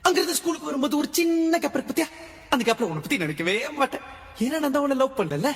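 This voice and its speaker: High-pitched pouting schoolboy, repetitive, in a long reverberant hall. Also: male voice, animated, rapid-fire. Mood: sulking. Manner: repetitive, petulant, half-laughing. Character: sulky teenage boy in denial of love.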